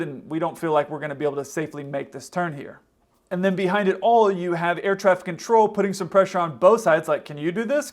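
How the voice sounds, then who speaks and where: Guy with a slightly high voice casually explaining stuff, chatty, quotes what people would say. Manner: conversational, acts out hypothetical quotes. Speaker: host, pilot commentator.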